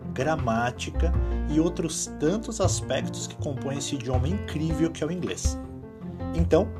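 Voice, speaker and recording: A man hosting a solo English-teaching podcast, explaining clearly and repeating words for emphasis. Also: fairly high pitch.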